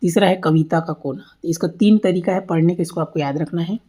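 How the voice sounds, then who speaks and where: Lady teacher going over exam notes, low mellow voice, keeps asking then answering herself. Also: a little fast, husky. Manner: asks and answers her own questions, repeats key points. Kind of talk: exam-prep lecture over slides.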